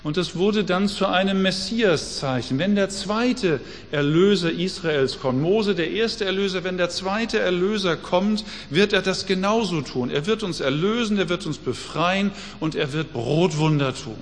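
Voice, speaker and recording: A man preaching a sermon, reading scripture aloud slowly and deliberately between his own explanations. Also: high-pitched, in a large hall. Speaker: pastor.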